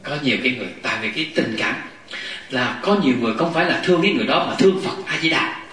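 A man giving a Buddhist dharma talk to a gathering, animated, often laughing and acting out what people say. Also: medium pitch, very fast. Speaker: Buddhist lay teacher. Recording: echoey hall, mic far off.

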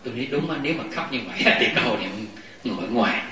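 A man giving a Buddhist dharma talk to a gathering, animated, often laughing and acting out what people say. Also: mid-range voice, racing, a crowd in the background. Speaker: Buddhist lay teacher. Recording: echoey hall, mic far off.

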